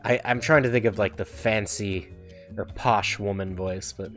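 A man's voice: lowish voice, normal speed, a bit bright, soft background music. A man giving casual let's-play commentary in a chatty, giggly, rambling way with many fillers. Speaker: gaming video host.

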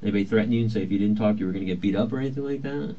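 A man's voice: fairly low pitch, racing. A male police detective questioning someone in an interview room in a polite, procedural, reassuring way, heard on an old interrogation tape recording. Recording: muffled lo-fi interview-room recording with faint hiss.

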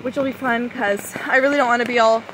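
A young woman vlogs outdoors at a campsite, standing under an umbrella in pouring rain. Her voice is a little high and steady and she talks fast, raising it to be heard over the heavy rain drumming on the umbrella. She holds her phone at arm's length, close to her face, so there's background noise throughout.

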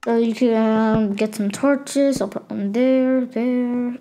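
Slow, halting woman touring her game world. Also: on the high side, steady tone, dark tone. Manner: halting, many fillers and self-corrections. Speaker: gaming channel host. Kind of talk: casual game tour.

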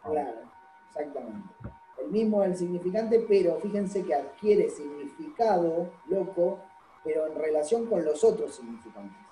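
Mellow-voiced man lecturing in an echoey room. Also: fairly high pitch, lively intonation, normal speed, slight background noise. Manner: explanatory, constantly checks understanding with "¿sí?". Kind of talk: university lecture.

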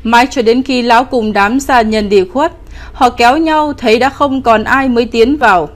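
A woman narrating a scripted ghost story in a steady, even storytelling delivery. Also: fairly high pitch, moderate pace.

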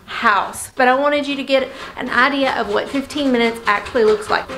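A woman in her forties talks through her cleaning routine in a relaxed, chatty vlog style. Her voice sits a little high. She explains things step by step, like advice shared between friends, with soft music faintly underneath. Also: moderate pace. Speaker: host of a home cleaning channel. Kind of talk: casual chatty vlog talk and tips.

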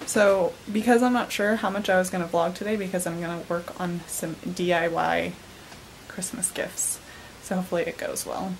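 The speaker is a young vlogger in her twenties, chatting casually in her bedroom to a camera held at arm's length, with frequent "like"s and "um"s. Her fairly low voice is steady and moderately paced. The rough recording has a slight hiss or hum.

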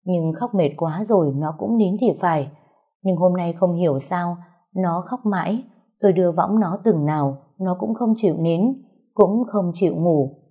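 A woman narrating a first-person story in a calm, somber, steady way. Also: lowish voice, moderate pace, breathy edge, phone-quality sound.

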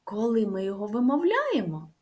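A woman speech therapist giving a lively, sing-song lesson to young children, stretching out the vowel sounds. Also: on the high side, a little fast.

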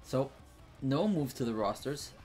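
A man's voice: mid-range voice, expressive, measured pace, a little mellow, soft background music. A man giving casual, think-aloud commentary over his gameplay, with frequent fillers and restarts. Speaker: gaming channel host.

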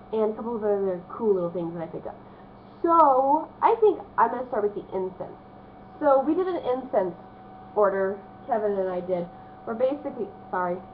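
A young woman with a slightly hoarse voice from a cold, chatting casually at her desk at home in a rambling vlog, with lots of ums. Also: on the high side. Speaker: vlogger. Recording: phone-like narrow band, faint hiss.

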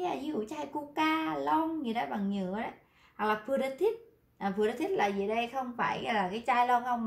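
A woman's voice: on the high side, echoey room. A Vietnamese woman teaching beginner Korean, explaining words to her students with many repetitions and fillers. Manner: repeats words and fills gaps with "à", addresses students directly. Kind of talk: classroom lesson explaining vocabulary.

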